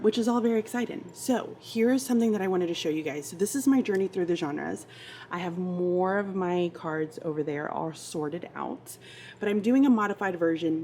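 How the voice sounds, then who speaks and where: A fourth grade teacher chats casually through her week in a vlog, sounding a bit tired and sleepy, with frequent ums. Her voice is lowish and warm, with slight background noise.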